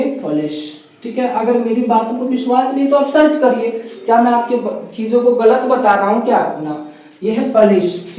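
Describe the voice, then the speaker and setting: A man's voice: very high voice, mellow, far from the mic. Echoey man teaching English pronunciation. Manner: repetitive, quizzing with rhetorical questions. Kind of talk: casual teaching.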